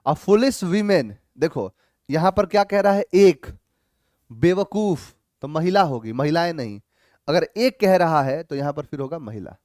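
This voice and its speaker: A man teaching an English grammar class, reading each sentence slowly and then explaining it in a mix of two languages, sometimes calling students "babu". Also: fairly high pitch, animated, a little mellow, no room sound, clean studio sound. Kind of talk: online class going over grammar answers.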